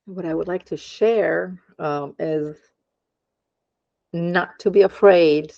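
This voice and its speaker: A woman's voice: lowish voice, steady tone, takes it slowly, creaky, no echo, lo-fi sound. A woman from Germany, an aromatherapist talking as a podcast guest, hesitant with many ums and frequent laughs. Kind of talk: casual interview chat.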